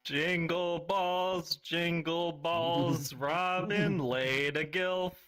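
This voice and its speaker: A man doing improv comedy one-liners with flat, throwaway punchlines. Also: on the high side, very slow, clean tone. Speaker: improv performer.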